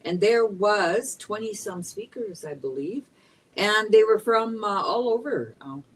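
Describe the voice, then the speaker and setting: A woman from Costa Rica chatting as a guest at a roundtable, upbeat and rambling with many pauses. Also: mid-range voice, big pitch swings, distant mic, slight background noise, rough recording. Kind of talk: casual roundtable chat. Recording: voice a bit off-mic.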